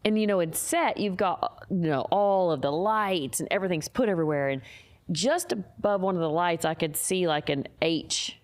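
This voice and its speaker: Earnest woman telling a story animatedly. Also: normal speed. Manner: animated, acts out quotes in a higher voice; earnest, faith-centered. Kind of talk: casual storytelling chat.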